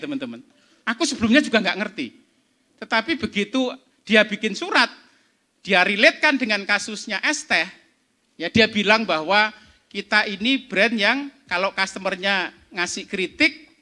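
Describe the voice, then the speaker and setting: A man's voice: very high-pitched, pushed and bright. A middle-aged man giving a seminar talk, quizzing the audience as he goes. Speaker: speaker at an entrepreneurship seminar. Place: event hall.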